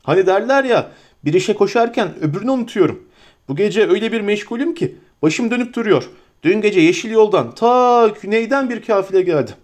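A man doing a stout, forgetful innkeeper, lifted well above his own pitch and rushing his words. He chatters in a flustered, bustling rush, as in an audiobook. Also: expressive, darkish tone. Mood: hurried.

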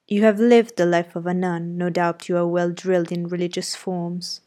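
Casting: a woman doing an imperious, sardonic master of the house for an audiobook; low-set, clipped and commanding. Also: level tone, moderate pace, mellow, close to an everyday voice. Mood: brusque, commanding. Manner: curt, imperious, sardonic questioning. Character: brusque commanding gentleman, middle-aged master of the house. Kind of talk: audiobook character reading.

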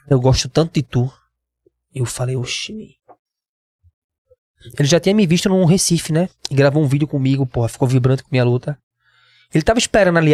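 A man in his twenties with a Northeastern Brazilian accent, telling his story as a podcast guest, slangy and animated, acting out what others said. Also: fairly high pitch, dry recording, studio quality. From Pernambuco, Brazil. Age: 20s. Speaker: guest, MMA fighter.

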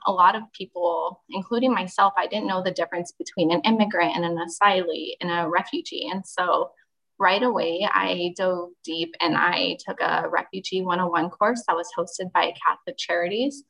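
A woman's voice: lowish voice, fairly even intonation, moderate pace, vocal fry, a bit bright, poor audio. A woman who runs a youth refugee mentoring program, talking as a podcast guest and explaining things steadily with some ums. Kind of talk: podcast guest, casual talk.

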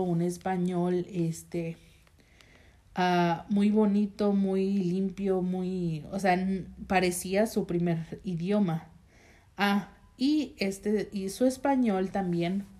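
In a darkish, medium-pitched voice, a young Mexican-accented woman vlogs about her own experience. The story meanders in a chatty way, with lots of fillers and direct comments to her viewers.

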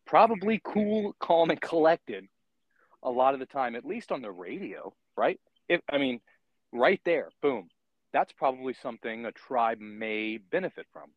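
A man's voice: medium pitch, sing-song, unhurried, no room sound, lo-fi sound. A man hosting a casual interview, talking in long, rambling turns and checking in with the guest as he goes. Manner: rambling, keeps checking in with "right?". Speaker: podcast host.

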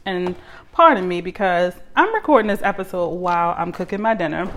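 A woman's voice: fairly low pitch, lively intonation, a little fast, fairly bright tone. A young woman, chatting casually with her podcast listeners as host while she cooks dinner at home. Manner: chatty, addresses listeners as y'all. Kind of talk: casual solo podcast chat. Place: home kitchen while cooking.

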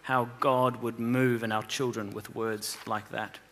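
A man's voice: mid-range voice, little pitch movement, unhurried, a bit bright. A man teaching children, retelling a scripture story with emphasis and rhetorical questions. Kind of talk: scripture reading and moral lesson.

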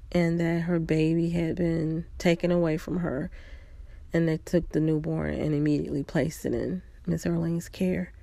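A woman telling a personal story in a reflective, unhurried way, pausing often. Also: low-pitched, creaky, warm tone, no echo.

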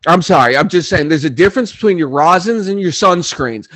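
A man's voice: high-pitched, lively intonation, a little fast, a bit bright, dry recording, rough recording. A man co-hosting a sports podcast, talking bluntly and swearing freely as he argues his opinions in casual chat. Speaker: podcast co-host.

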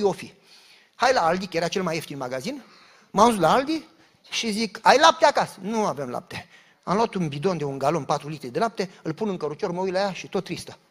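A male pastor preaching in a lively storytelling way, acting out the people he quotes. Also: sits high. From Romania. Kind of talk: sermon with storytelling.

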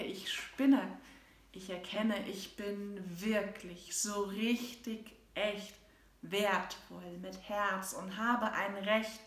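Slow, echoey author reading her rhymes. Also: mid-range voice. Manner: rhythmic rhyming recital, shifting between soft and loud. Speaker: author and host. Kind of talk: reading aloud from her own book. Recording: echoey room.

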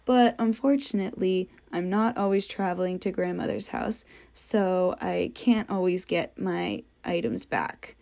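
A woman's voice: lowish voice, measured pace, gravelly, few pauses, a little mellow. A young woman from New England talks through her solo podcast in a chatty, casual way. She keeps slipping in jokey little asides as she goes. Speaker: podcast host.

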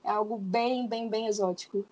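A woman's voice: mid-range voice, steady tone, normal speed, darkish tone, muffled recording. A woman in her twenties, a podcast guest explaining at length with many hedging fillers. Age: 20s. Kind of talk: casual podcast discussion.

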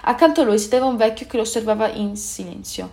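A woman narrating a story in a calm, even storytelling manner. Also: on the high side, fast. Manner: calm, even storytelling with small self-corrections.

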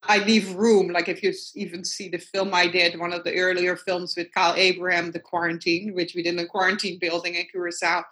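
In a casual interview over video call, a guest artist with a Dutch accent and Dutch as her native tongue thinks aloud reflectively, circling back to what she said. Her voice sits on the low side, fairly bright but flat, a little fast with few pauses, and the audio is poor.

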